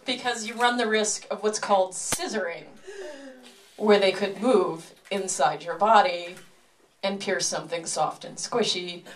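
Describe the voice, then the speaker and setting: Female sideshow sword swallower, live stage act. Wry, self-deprecating comic delivery, mid-pitched voice, showy announcer pauses. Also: fairly even intonation, a little hiss or hum. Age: 30s or older. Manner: showman-like announcing with dramatic pauses. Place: live stage show before an audience.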